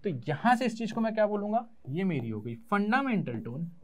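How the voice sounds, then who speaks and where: A man's voice: sits high, big pitch swings, a little fast. A young Indian man teaching physics in an online class. He mixes Hindi and English terms and answers his own questions in a student's voice.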